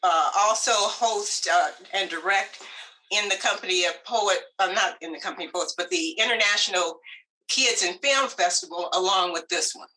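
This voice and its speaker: Woman host with a bright, crisp tone; welcoming, casual chatter over a video call. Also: medium pitch, moderate pace, poor audio.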